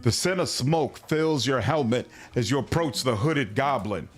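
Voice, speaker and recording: A man livestreaming a role-playing game, reading its text aloud and reacting wryly. He speaks slowly, and his pitch swings widely. Faint guitar music plays under his voice. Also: lively intonation. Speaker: streamer.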